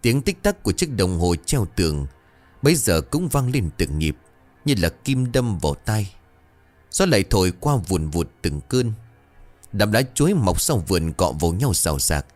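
A man narrating a horror story in a dramatic, measured way. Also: lowish voice, darkish tone.

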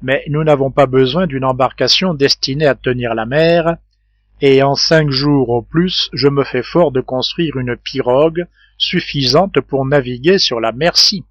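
A man's voice: medium pitch, a little slow, a bit bright, no room sound, natural voice. Man narrating as a confident hearty sailor, boastful, eager to persuade, storybook reading, dry and slightly dull recording. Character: bold hearty male sailor, sure of himself.

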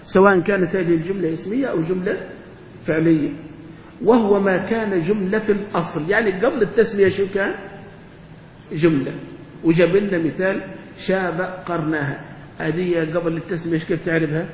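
High-voiced sheikh lecturing in echoey hall. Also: male voice, a little fast, darkish tone. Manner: asks the class questions and answers them himself. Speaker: sheikh teaching grammar. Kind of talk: classroom lecture. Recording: echoey hall, dull lo-fi sound, faint hum.

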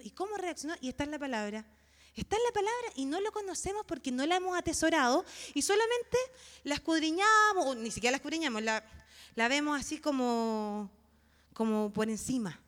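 A woman delivers a sermon in a high, bright voice. She speaks earnestly and emphatically. She keeps turning to her listeners with questions. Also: long reverb tail. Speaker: preacher.

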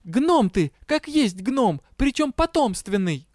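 A man's voice: very high voice, steady tone, moderate pace, warm tone, no room sound, studio quality, pitched above the performer's own voice. A man voicing a flustered young female student detective who answers defensively and indignantly.

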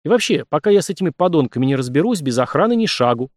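A man voicing a quick-tempered, cheeky young man with sharp, teasing retorts. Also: a little high, very animated, dry recording, studio quality, pitched above the performer's own voice. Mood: cocky.

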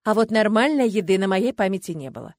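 Storybook role: a young dragon in human form, calm, matter-of-fact , as a woman reads him. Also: medium pitch, fast, dry recording, natural voice.

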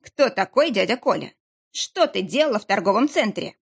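A menacing male interrogator with a mocking, threatening manner, as a woman reader puts him on. His lines rise and fall in lively, teasing turns. The voice stays slightly husky and breathy, read as part of a storybook. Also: medium pitch, normal speed, exaggerated voice. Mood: mocking menace.

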